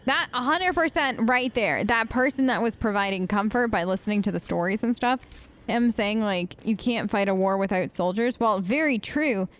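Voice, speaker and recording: A woman hosting a let's play, giving chatty, excitable commentary while she plays and yelping when startled. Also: medium pitch, moderate pace. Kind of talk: gameplay commentary. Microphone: headphones with mic.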